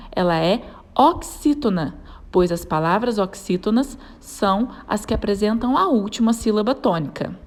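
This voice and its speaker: A woman narrating a grammar lesson as a teacher, sounding out example words slowly and clearly. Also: on the high side. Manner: clear, slow stretched syllables when sounding out example words.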